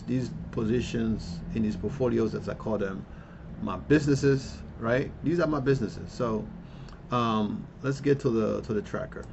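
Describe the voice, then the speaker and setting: A man in his fifties from Colombia, with a lowish voice and vocal fry, hosts an investing channel and casually walks through his portfolio tracker. He rambles with lots of ums and restarts, and the lo-fi recording has a little hiss or hum.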